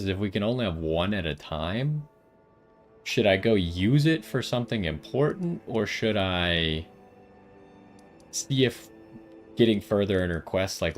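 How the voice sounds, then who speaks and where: A low-voiced man hosts a gaming video in a casual, musing way. He thinks aloud and puts questions to himself, with faint music behind him.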